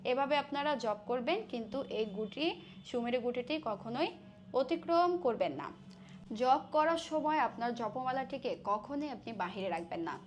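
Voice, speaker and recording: Bengali lady teaching how to chant on beads, pretty high voice, sings mantras slow, bit of hiss. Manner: chants mantras slowly and melodiously. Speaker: devotional instructor. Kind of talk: devotional tutorial with chanting.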